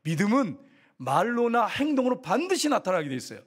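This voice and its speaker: A middle-aged man preaching a sermon. His voice sits high, and his pitch swings widely as he throws questions out to the congregation. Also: very animated, a little fast, breathy edge. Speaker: pastor.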